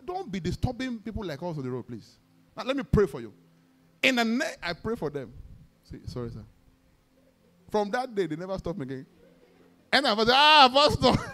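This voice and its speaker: A man with a Nigerian accent, a pastor preaching a sermon, telling stories with acted-out dialogue and leading the congregation in call-and-response declarations. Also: high voice. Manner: exclamatory, peppers talk with praise shouts; vivid storytelling, acts out dialogue.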